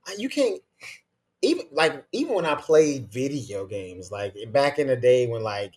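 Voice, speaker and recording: A young man co-hosting a podcast in casual chat, slangy and animated, laughing often. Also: medium pitch, normal speed. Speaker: podcast co-host.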